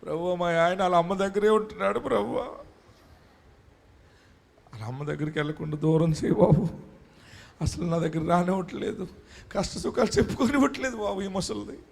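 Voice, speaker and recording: A man's voice: high-pitched, fairly quick, gravelly, pauses often. A man voicing a tearful housewife who whines and begs God in prayer. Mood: pleading, tearful.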